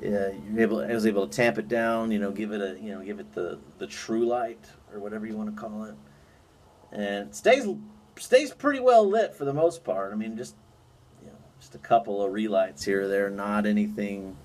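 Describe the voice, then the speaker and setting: A man's voice: on the low side, moderate pace, darkish tone. A man giving a chatty, informal and emphatic product review as an enthusiastic hobbyist reviewer. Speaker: pipe tobacco reviewer. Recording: noticeable background noise.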